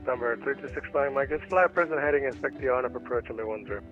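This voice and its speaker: A man's voice: mid-range voice, fast. A man working as an air traffic controller, giving clipped instructions in standard phraseology through a radio filter. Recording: muffled radio audio with music behind.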